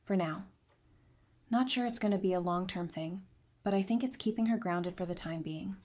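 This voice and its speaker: The same kind of role appears here: a woman acting in a fan audio drama as a frank, dry-witted adviser, chatting candidly and sounding thoughtful. She has a mid-range, somewhat dark voice close to how she'd normally speak, delivered at a moderate pace.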